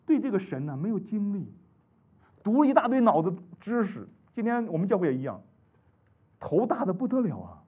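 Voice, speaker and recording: A male pastor preaching a sermon, animated and rising to emphatic peaks. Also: sits high, moderate pace, slightly rough. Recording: dull lo-fi recording.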